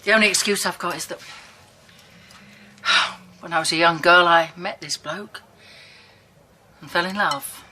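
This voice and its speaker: A woman's voice: fairly low pitch, unhurried, long pauses, a little hiss or hum. An actress playing a blunt, earthy older woman in a television soap drama. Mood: reflective. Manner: blunt and earthy, softening into quiet remembering.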